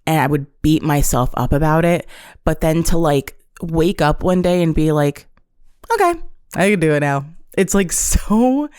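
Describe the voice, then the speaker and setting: In a dry, clean studio-sounding recording made on an on-camera setup, a woman in her twenties talks through her solo podcast from her apartment. Her low, smooth, darkish voice is animated yet unhurried as she chats casually and self-deprecatingly in a confessional style.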